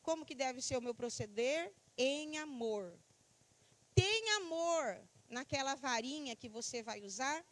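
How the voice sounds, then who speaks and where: A middle-aged woman teaching a church Bible class, emphatic, slowing down to read scripture aloud. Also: sits high, animated. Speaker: Sunday school teacher.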